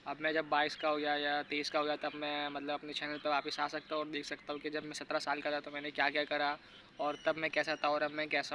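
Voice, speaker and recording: A man's voice: on the high side, pushed and bright, a little hiss or hum. A teenage boy talking casually in a vlog, thinking aloud and rambling with many fillers as he goes. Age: teens. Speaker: YouTuber.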